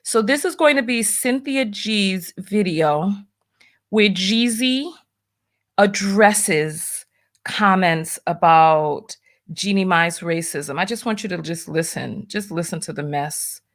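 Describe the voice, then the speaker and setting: In a medium-pitched, animated voice and at a slow pace, a woman from New York hosts a relaxed livestream. With her New York accent lightly masked, she reads viewer donations and adds wry comments as she applies makeup.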